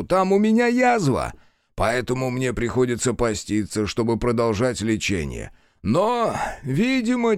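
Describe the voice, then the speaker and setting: An effusive, bowing fat man, cheerful and wordy, as a male reader puts him on. His voice is raised higher and louder than the narration, bouncing with eager, ingratiating energy. The sound is dry and close. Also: no room sound.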